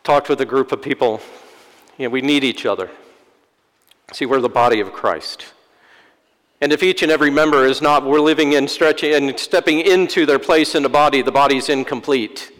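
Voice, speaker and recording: A priest delivering a sermon in a church, with wry, self-deprecating humor. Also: male voice, medium pitch, moderate pace, fairly bright tone. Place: church sanctuary. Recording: long church-hall reverb.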